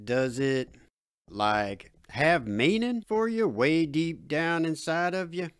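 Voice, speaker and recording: A man's voice: on the high side, very animated, slow pace, smooth, no echo, clean studio sound. Man playing drawling redneck dad. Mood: gruff. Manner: drawling dialect. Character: middle-aged redneck father, gruff but proud.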